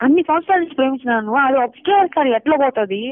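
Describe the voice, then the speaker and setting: A woman's voice: high-pitched, lively intonation, fast talker. A woman in a heated phone argument, defensive, curt and sullen. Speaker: ex-girlfriend on the call. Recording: tinny phone call recording with faint noise.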